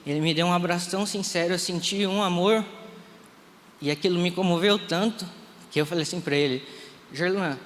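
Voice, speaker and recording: Emotional Brazilian pastor in echoing church. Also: male voice, sits high, brisk. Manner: emotional storytelling, re-enacting dialogue. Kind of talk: live church testimony sermon. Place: church sanctuary. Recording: reverberant hall, faint room noise.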